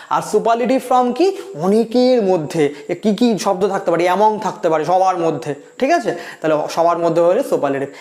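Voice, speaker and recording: A teacher explaining English grammar in a patient way, often checking in with the students, pitch rising and falling for emphasis. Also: a little mellow.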